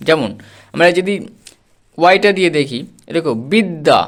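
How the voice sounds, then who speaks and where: Man slowly drilling a spelling lesson. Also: on the high side, lively intonation. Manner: slow, repetitive drilling, spells words out letter by letter. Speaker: teacher.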